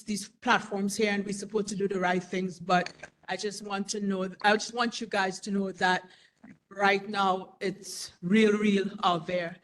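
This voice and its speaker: A woman's voice: medium pitch, rough recording. Woman in her 40s talking at a community board mic, earnest, keeps saying you know. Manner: earnest, repeats herself, fillers like "you know". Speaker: restaurant owner applying for a license. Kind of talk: public comment at a community meeting.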